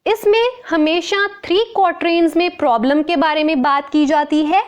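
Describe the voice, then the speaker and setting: A woman teacher explaining a lesson in a clear, slow way, repeating key terms. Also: sits high, steady tone, dull audio. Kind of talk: Hindi-English explanatory lesson.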